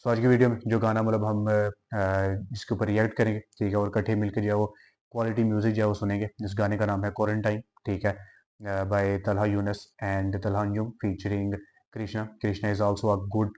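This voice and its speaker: A man's voice: fairly low pitch, completely flat delivery, moderate pace, a little mellow. A man hosting a music reaction video, casually introducing a song, with frequent filler phrases and English words mixed in.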